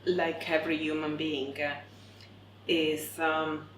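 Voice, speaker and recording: A woman answering interview questions hesitantly, with many pauses and fillers. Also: sits low, flat delivery. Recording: echoey room with loud background noise.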